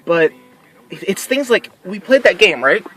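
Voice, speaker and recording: A man's voice: sits high, very animated, measured pace, fairly bright tone, soft background music, poor audio. Young man, casual vlog to camera, heartfelt, rambling, voice close to tears at times. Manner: emotional, sincere, rambling with restarts. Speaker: vlogger who works as a mall Santa.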